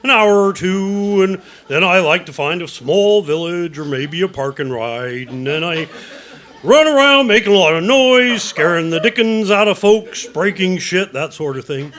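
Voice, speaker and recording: A man's voice: a little high, moderate pace, hardly any pauses, a bit bright, lightly acted. A man voicing a laid-back, scaly old male monster that breathes fire, with an offhand, easygoing way of talking, in an audio drama.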